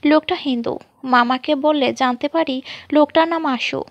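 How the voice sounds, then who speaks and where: A woman's voice: high voice, moderate pace, no echo, lo-fi sound. A woman voicing a frightened young bride who has fled her wedding, telling her story plainly and pleading for shelter.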